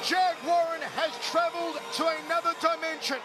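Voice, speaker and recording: Booming high-pitched male fight announcer. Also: level tone, fairly quick. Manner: booming, dramatic announcer delivery with colourful catchphrases. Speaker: play-by-play fight commentator. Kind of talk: excited live fight commentary. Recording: loud crowd and music behind. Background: loud crowd and music.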